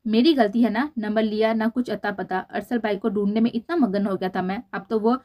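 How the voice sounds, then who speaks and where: A woman's voice: medium pitch, steady tone, brisk, highs cut off, lightly acted. A woman voicing a young man anxiously searching for someone, agitated and self-blaming, in a storybook reading.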